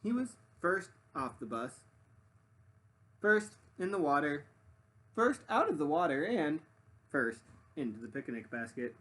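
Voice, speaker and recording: A man narrating a children's story expressively as a read-aloud teacher, pausing to muse and put questions to listeners. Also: fairly high pitch. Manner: animated, pausing to muse and prompt.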